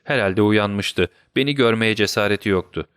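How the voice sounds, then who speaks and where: A man's voice: on the low side, moderate pace, fairly bright tone, clear, resonant tone, dry recording, clean studio sound, lightly acted. A man voicing a nervous, apologetic police constable who explains himself in a deferential way in a storybook reading.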